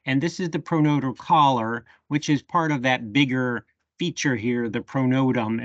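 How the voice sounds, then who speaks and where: Over a video call, using his computer mic, a man with a medium-pitched, slightly bright voice leads a live bee identification workshop. He thinks aloud with fillers while working a microscope. The audio is dull, with no room sound.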